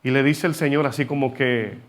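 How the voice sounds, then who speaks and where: A man's voice: medium pitch, brisk. A man preaching a sermon, teaching from scripture with rhetorical questions and having the congregation repeat words after him.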